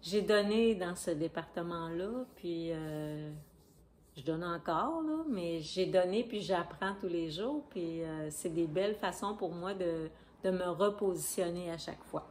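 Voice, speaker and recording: Her voice runs on the low side, unhurried and a little mellow, with a bit of hiss or hum in the recording. This Québécois-accented woman hosts a home knitting video podcast, talking casually to a stand-mounted camera while she rambles, corrects herself and glances at notes.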